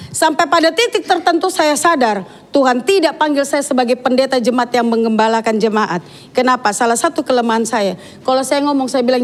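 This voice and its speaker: High-voiced woman preaching frankly. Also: slight background noise. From Dayak. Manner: frank, chatty preaching with asides to the congregation. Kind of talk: sermon. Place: church.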